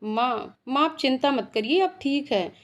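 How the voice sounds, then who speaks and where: A woman voicing a shy young bride in a spoken storybook, hesitant and soft. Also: high voice, measured pace.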